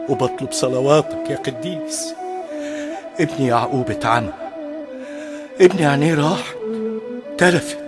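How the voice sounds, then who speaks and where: A man's voice: medium pitch, close to an everyday voice. A man playing a desperate father with an Egyptian accent, praying in a fervent, pleading way. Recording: background music.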